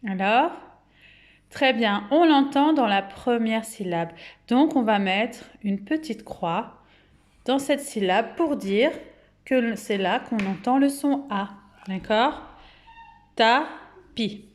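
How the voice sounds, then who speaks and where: A woman with a French accent giving a phonics lesson to young children at home, speaking patiently and clearly and drawing out each word's syllables. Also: a little high, expressive. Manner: slow, clear, patient, syllables drawn out and repeated. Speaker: kindergarten teacher.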